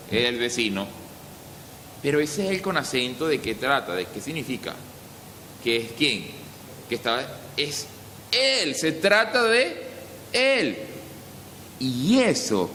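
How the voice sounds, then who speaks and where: Venezuelan pastor preaching in a reverberant church. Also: male voice, bright, forceful tone. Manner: rhetorical questions answered by himself; dramatic swings of pitch and volume. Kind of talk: sermon. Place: church hall. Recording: long church reverb, faint ambient noise.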